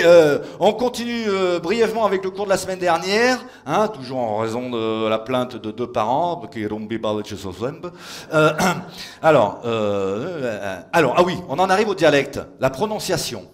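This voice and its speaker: A man from France of Italian family doing stand-up on stage as a teasing mock teacher, full of playful asides. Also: a little high. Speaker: stand-up comedian. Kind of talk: comic mock language lecture on stage. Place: stage before a live audience.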